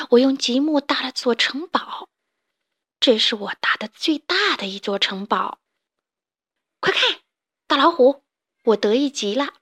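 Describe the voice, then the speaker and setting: A woman storyteller reading a children's story aloud in a gentle, expressive, slow and clear manner. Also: fairly high pitch.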